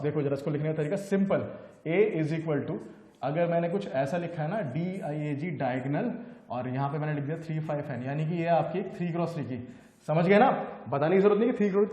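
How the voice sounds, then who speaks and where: A man's voice: fairly high pitch, darkish tone. A male teacher explaining a lesson at the board, putting questions to the class and answering them himself. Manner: talks to students, answers his own questions, voices their doubts. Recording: echoey room.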